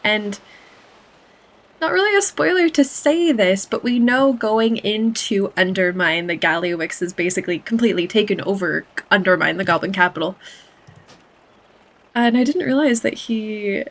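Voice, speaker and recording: A woman's voice: mid-range voice, expressive, moderate pace, fairly bright tone. A woman chatting about game lore as she plays, in an upbeat, chatty way. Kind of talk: lore playthrough with read-aloud voices.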